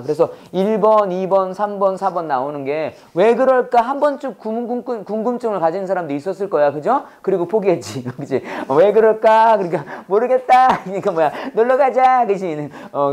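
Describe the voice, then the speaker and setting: A man's voice: sits high, a little mellow. Man drilling English words. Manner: drills students with repeated call-and-response questions; exaggerated pronunciation demonstrations. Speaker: English teacher. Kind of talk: Bible-based English lesson to a class.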